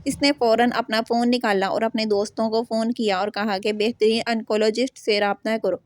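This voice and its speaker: A woman storyteller reading a romantic novel aloud at a steady, even pace. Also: fairly high pitch, no echo.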